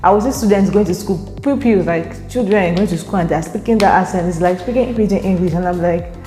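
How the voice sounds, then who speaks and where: Talking casually to camera, a young Nigerian woman uses a fairly low, warm voice that runs a little fast. Her Nigerian accent comes through as she chats, laughs frequently and repeats words while thinking things over. The recording has room echo and faint music.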